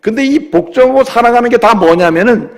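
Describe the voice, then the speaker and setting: A man's voice: very high voice, expressive, brisk, gravelly. A man preaching a sermon as a pastor, asking his congregation questions and acting out quoted voices. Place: church sanctuary. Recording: long reverb of a church hall.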